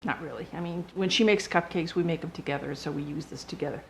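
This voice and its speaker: A woman's voice: sits low, fast talker. An older woman, a home baker, talking casually and step by step through a cooking demonstration in her kitchen. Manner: chatty, homespun, explains step by step. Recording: noisy recording with clicks.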